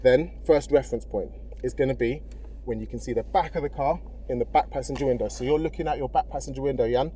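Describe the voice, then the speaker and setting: Fast-talking male driving instructor. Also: mid-range voice, warm tone. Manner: encouraging, informal, checks understanding often. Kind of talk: hands-on driving instruction, casual and step-by-step. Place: inside a car in a car park. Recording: vehicle noise in background.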